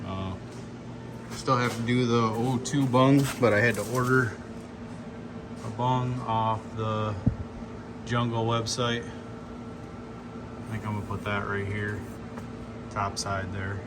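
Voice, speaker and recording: Pausing often, a car builder hosts his fabrication video at a slow pace, his fairly low voice holding a steady tone. He explains the hands-on work casually and plainly, thinking things through aloud. The handheld footage carries noise from the shop around him.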